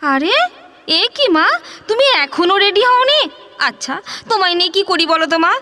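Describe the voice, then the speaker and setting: An actress playing a brisk, impatient married daughter in an audio drama, with a Bengali accent and a scolding way of talking. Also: female voice, very high voice, very animated, bright, forceful tone, full character voice.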